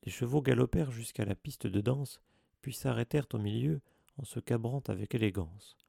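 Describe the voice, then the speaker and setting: A man narrates an audiobook at a measured pace, in a deep gravelly voice. His tone is dark and mellow. The sound is dry and close to the mic. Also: no room sound. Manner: measured, storytelling reading.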